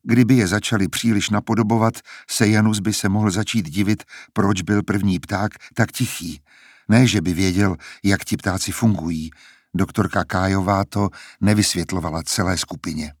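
A man narrating a novel as an audiobook in a steady, even storytelling manner. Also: deep voice, no echo, clean studio sound. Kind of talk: scripted narration.

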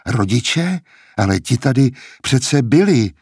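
A man voicing a young wounded patient, dazed from sleep and medicine, trying to calm someone down. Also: mid-range voice, slightly rough, dry recording, clean studio sound. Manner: dazed, soothing, trying to sound casual.

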